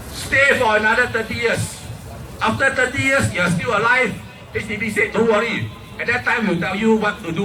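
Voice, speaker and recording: A man's voice: sits high, echoey room, recorded from a distance, low-quality recording. A man with a Singaporean accent giving an impassioned political speech at a protest rally, in colloquial Singlish full of rhetorical questions. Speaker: protest rally speaker and emcee. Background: crowd and ambient noise.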